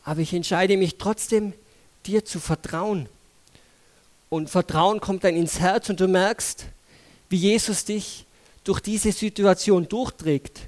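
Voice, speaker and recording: A man preaching a sermon, swinging between urgent, loud phrases and hushed, intimate ones. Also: sits high, takes it slowly.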